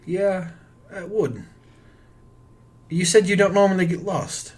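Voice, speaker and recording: A man's voice: sits high, animated, takes it slowly, pitched above the performer's own voice. A man voicing a wary, curious male forest elf who talks in a dry, questioning way.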